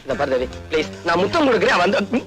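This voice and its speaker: A playful husband pleads and teases in a lively, fairly high voice. Loud film music sits under his lines. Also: fast. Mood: teasing. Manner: teasing and pleading, animated. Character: playful husband coaxing his angry wife.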